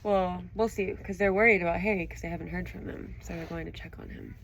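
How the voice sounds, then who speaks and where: This woman's voice sits on the low side, steady and fairly bright, with quick pacing, vocal fry, and a faint hiss or hum. An audiobook reader and show host, she narrates storybooks expressively and then chats casually about them with a child listener.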